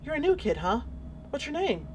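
A woman's voice: high-pitched, sing-song, moderate pace, a little mellow, slight background noise, pitched above the performer's own voice. A woman voicing a friendly boy patient in a horror game, welcoming and chatty.

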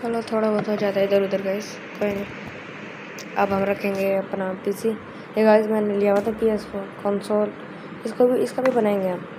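Woman, gameplay commentator, chatty and casual, flat even delivery, noisy background. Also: mid-range voice, moderate pace. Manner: chatty, keeps addressing viewers as guys. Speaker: gameplay video host. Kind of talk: casual let's-play commentary. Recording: steady background noise.

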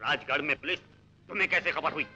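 A man's voice: fairly high pitch, fast, sharp tone, husky, highs cut off, full character voice. An actor playing a hardened male dacoit gang leader who barks curt, suspicious orders.

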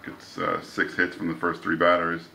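A man's voice: low-pitched, monotone, normal speed, gravelly, bright, forceful tone, rough recording. A man interviewing a coach after a game, reading off stats before he asks each question. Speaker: sports interviewer. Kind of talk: postgame sports interview questions.

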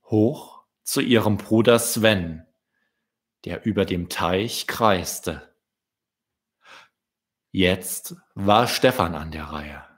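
A man, a children's book author, reading his story aloud in a deliberate storytelling manner. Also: low voice.

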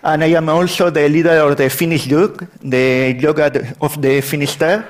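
A Spanish man with a Spanish accent gives a technical talk at a conference in a large hall, apologizing for his English and often restarting his sentences. His voice is fairly high-pitched, with a steady tone at a normal speed.

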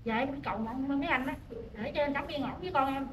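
A wife, arguing in a quick, exasperated way. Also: female voice, high voice. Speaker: wife in a marital dispute. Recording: far from the mic, echoey and noisy.

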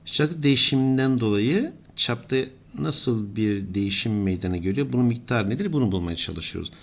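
A man's voice: medium pitch, expressive, moderate pace, gravelly. A middle-aged man giving an engineering lesson, explaining steadily and thinking aloud as he writes. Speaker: engineering lecturer. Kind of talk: whiteboard lesson.

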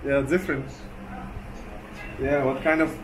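A young man in his twenties, a travel vlogger, chats casually and jokes playfully with his barber during a haircut in a small barbershop, laughing often. His mid-range male voice is steady and slow. It's recorded close up on a handheld camera, with a noisy background.

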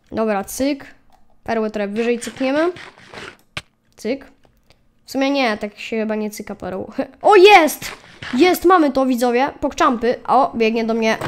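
A woman casually commenting on her gameplay, chatting to viewers and yelping at attacking mobs. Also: fairly high pitch. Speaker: gaming channel host. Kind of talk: casual let's play commentary.

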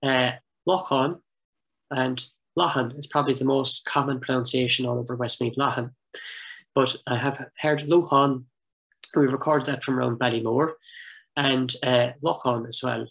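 A middle-aged man giving a heritage lecture as a project coordinator, speaking in a measured, explanatory way, slowing down to sound out pronunciations and clearing his throat now and then. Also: medium pitch, level tone, a bit bright, rough recording.

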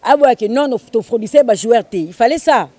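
Woman interviewing, warm low-key voice, lots of mm-hmms. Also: brisk. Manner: steady, gives frequent murmured agreement.

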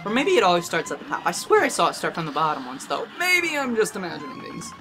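A let's play gamer giving excitable gameplay commentary and exclaiming often while playing. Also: mid-range voice, fast talker, music in the background.

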